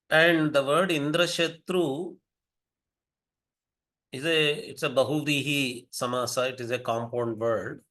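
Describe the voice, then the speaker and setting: Older Indian man lecturing, higher-pitched. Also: a bit bright. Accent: Indian English. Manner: measured, repeats and rephrases himself, fillers. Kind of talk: explanatory lecture.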